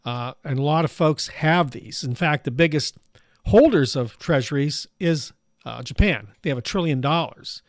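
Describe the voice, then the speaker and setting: With a fairly high-pitched voice roughened by allergies, a middle-aged American man hosts political news commentary. He talks in a measured, steady manner, often using "uh." The recording is dry, with studio quality.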